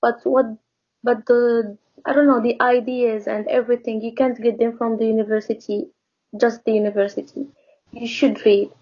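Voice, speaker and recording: Speaking through a phone camera on a video call, this young woman from Morocco, whose native language is Arabic and who has a Moroccan accent, is a guest in a casual chat, laughing frequently and full of fillers and restarts. Her pitch is fairly high, her tone level, her pace moderate, and the audio is muffled and lo-fi.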